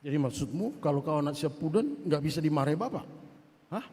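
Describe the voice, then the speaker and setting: A man preaching a sermon in a large church, animated and playful, slipping into song snippets and mock voices. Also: fairly high pitch, fast, husky. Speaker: pastor. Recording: echoey church hall.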